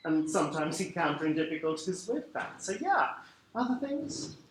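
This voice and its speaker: A man giving a live lecture to a room of teachers, lively and wry, putting questions to the audience. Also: on the high side, normal speed. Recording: echoey room, faint background noise.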